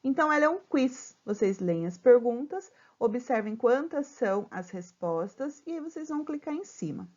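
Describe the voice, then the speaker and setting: Patient Brazilian teacher woman, slightly high. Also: expressive, darkish tone, dull audio. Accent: Brazilian Portuguese. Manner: patient, spells out syllables slowly, frequent "tá?" and "ó". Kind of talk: remote grammar lesson for children.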